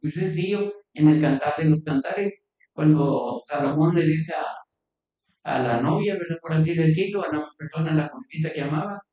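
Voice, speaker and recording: A man's voice: fairly high pitch, normal speed, mellow. A man preaching a sermon in a loose, conversational way, often restarting words. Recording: distant echoey church recording, dull sound.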